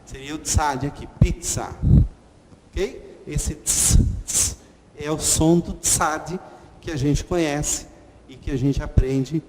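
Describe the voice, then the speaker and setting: A man teaches at an unhurried, deliberate pace. His fairly high voice carries a long reverb. A faint hiss sits under the recording. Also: fairly even intonation, a little mellow. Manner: slow, patient, repeats letter sounds, frequent "ok?". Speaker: Hebrew teacher. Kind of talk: online lesson at a whiteboard.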